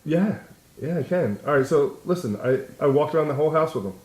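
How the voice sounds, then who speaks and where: Animated man telling a story on a podcast. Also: a little high, fast. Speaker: podcast regular. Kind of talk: casual storytelling.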